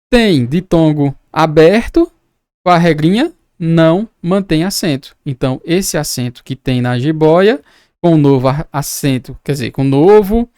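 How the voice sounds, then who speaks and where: A man's voice: fairly high pitch, a little mellow, dry recording, clean studio sound. A man from Brazil teaching an exam-prep lesson, patiently repeating and breaking down words as he explains quiz answers. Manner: patient, repeats and spells out words, casual asides.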